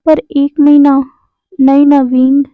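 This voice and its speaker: A woman's voice: high-pitched, flat delivery, slow, dry recording. A woman doing a flustered stammering young man. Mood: pleading. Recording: slightly dull, dry close recording.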